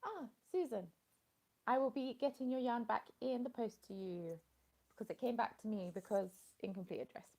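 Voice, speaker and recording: In the dim light of an evening at home, an English woman chats casually on a live stream, rambling and greeting viewers through a phone with a small plug-in mic. Her voice is a little high, creaky and a little mellow, at a normal speed.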